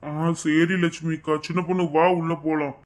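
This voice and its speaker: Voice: mid-range voice, flat delivery, moderate pace, lightly acted. A voice actor playing a young husband who pleads with his mother and his wife in turn, exasperated. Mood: pleading. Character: harried young husband caught in the middle.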